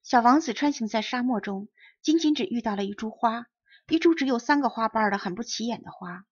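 A woman narrating a children's story as an audiobook reader, with clear, even storytelling. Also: a little high, fairly quick, no echo. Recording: dull lo-fi recording.

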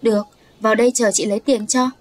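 A woman narrator reads a kindly neighbor woman who speaks with care. It stays close to her own fairly high voice. It is a storybook figure. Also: steady tone, fast, natural voice. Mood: caring. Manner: kind, caring.

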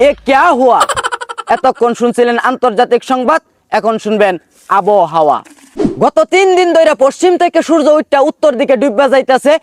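A man performs a mock-solemn parody news anchor with a very high voice and a rural Bangladeshi accent. The delivery is theatrical, rhyming comedy bulletin, recorded close and dry. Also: dry recording. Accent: Bangladeshi rural colloquial. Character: bombastic male parody news anchor of a village comedy channel.

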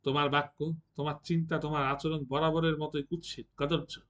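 A proud young woman snaps back with scornful retorts, as a man reading a play voices her. The voice sits a little high for a man, and the recording is dull and lo-fi. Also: little pitch movement, a little fast, fairly bright tone, close to an everyday voice. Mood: indignant.

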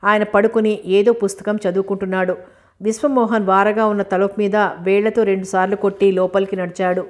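A woman narrating a novel as an audiobook, steady and measured. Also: medium pitch. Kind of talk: novel reading.

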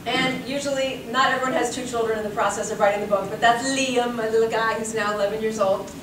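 In a slightly high voice with fairly even intonation, a woman in her forties speaks fast while giving a curator's talk, sharing anecdotes chattily and laughing often. The seminar room holds an audience; a far-off room mic captures it all with echo and hiss.

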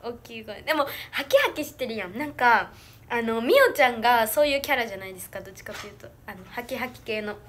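A young woman speaks with a Kansai accent in a high, bright voice. She chats casually on a live stream, giggles often and thanks viewers one by one. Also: expressive, fast talker, a little hiss or hum. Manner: giggly, reads viewer names and thanks them. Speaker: idol trainee streamer.

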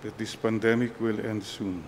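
A man serving as priest, leading the Mass in a measured, solemn prayer cadence at a pulpit microphone. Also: fairly low pitch, level tone, darkish tone, slight background noise. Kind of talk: leading liturgical prayer and exhortation.

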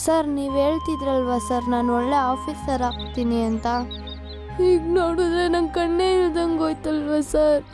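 A woman's voice: high-pitched, fairly even intonation, normal speed, music in the background, close to an everyday voice. A young woman acting a studious schoolgirl who has lost her sight, pleading through tears. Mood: pleading tearful. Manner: pleading, tearful. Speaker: schoolgirl student. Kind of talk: low-budget short film acting.

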